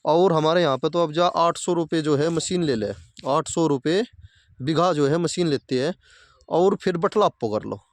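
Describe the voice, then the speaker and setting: This farming video host has a fairly high voice and a moderate pace, captured in a dry recording. Standing by his fields, he chats casually and plainly, repeating his advice to fellow farmers he addresses as brothers.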